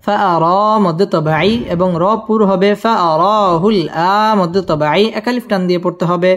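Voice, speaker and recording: A man teaching tajweed who spells each word of a verse letter by letter, then recites it slowly and repeats it. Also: sits high. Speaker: Quran teacher.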